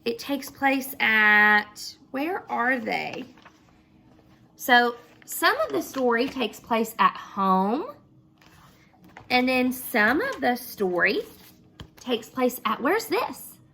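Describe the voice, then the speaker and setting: Bright, animated woman teacher reading aloud. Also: a little high, drawn-out words, gravelly. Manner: expressive, asks children questions. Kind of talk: reading a picture book aloud, then a class discussion.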